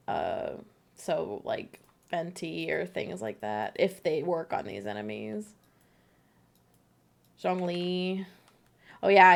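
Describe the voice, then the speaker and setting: A woman's voice: lowish voice, creaky. A woman streaming a game live, chatting bubbly and giggly with her co-op partner. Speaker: livestreamer. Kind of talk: casual gameplay chat.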